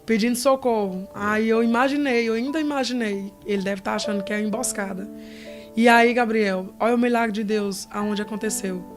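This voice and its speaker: Woman guest, earnest testimony, higher voice, faint music bed. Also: steady tone, normal speed. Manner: earnest, vivid storytelling. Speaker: interview guest. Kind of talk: emotional testimony.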